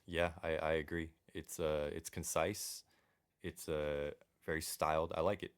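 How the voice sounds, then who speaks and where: A man's voice: extremely low pitch, level tone, unhurried, clear, resonant tone. A man co-hosting a podcast in casual chat, laid-back, speaking in short, agreeable remarks. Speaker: podcast co-host.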